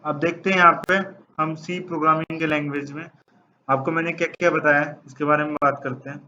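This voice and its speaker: A man's voice: fairly high pitch, fairly even intonation, fast, sharp tone, dull audio, slight background noise. A man teaching a programming class, asking questions and answering them himself as he switches between Hindi and English. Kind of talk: classroom lecture.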